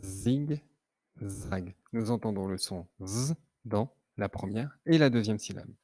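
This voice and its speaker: A man teaching children to read, sounding out syllables slowly and clearly. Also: on the low side, darkish tone, no room sound, studio quality. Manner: slow, clearly articulated syllables. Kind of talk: reading lesson for children.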